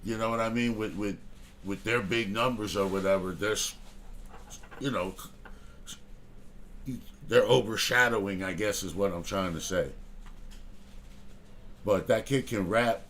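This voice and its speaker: A man's voice: lowish voice, a little slow, pauses often, fairly bright tone, a little hiss or hum. A man hosting a music review show, talking loosely with lots of filler and swearing. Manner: rambling, loose, heavy cursing and filler. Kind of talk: casual music review talk.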